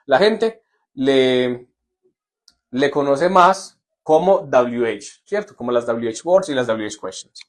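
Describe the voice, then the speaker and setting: A man teaching English in a live online lesson, in an upbeat, joking manner that keeps checking on the class. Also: a little high. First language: Spanish. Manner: lively, jokey, asks "¿listo?" often.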